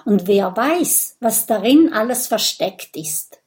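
An eager little boy fire dragon from a storybook, voiced by a woman reader. He talks with bright curiosity, keen on secrets and adventure. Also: a little high, slow pace. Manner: eager, bookish, lively.

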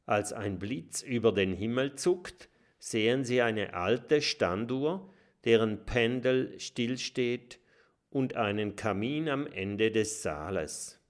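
A man narrates a children's audiobook with expressive, dramatic storytelling, speaking in a mid-range voice at a slow pace.

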